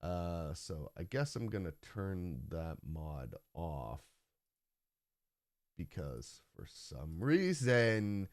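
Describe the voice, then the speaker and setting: A man streaming live gameplay, talking and rambling to his chat, with a deep, raspy voice from a rough throat. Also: very animated, very slow, darkish tone, no echo, studio quality. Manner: rambling, humming along while playing.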